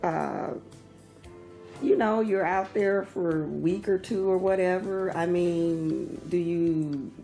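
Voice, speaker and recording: A woman interviewing a guest, asking meandering, halting questions. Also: lowish voice, creaky, dark tone, soft background music. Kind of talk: conversational interview.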